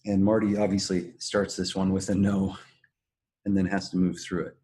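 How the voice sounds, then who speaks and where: A man co-hosting a podcast, explaining and analysing in a measured, casual conversational way. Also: deep voice, flat delivery, dark tone. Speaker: podcast co-host. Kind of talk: casual analytical discussion of a TV drama.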